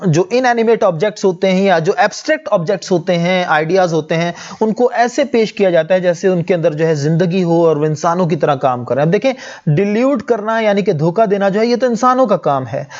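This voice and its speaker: A man's voice: sits high, lively intonation, darkish tone, dull audio. Man explaining a poem in lecture style. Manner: explains in Hindi-Urdu, mixing English terms, reads verse slowly. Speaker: English teacher.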